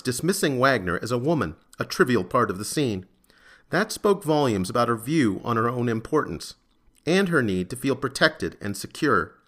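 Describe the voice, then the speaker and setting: Male narrator, scripted audio fiction, measured, steady, bright voice. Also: mid-range voice.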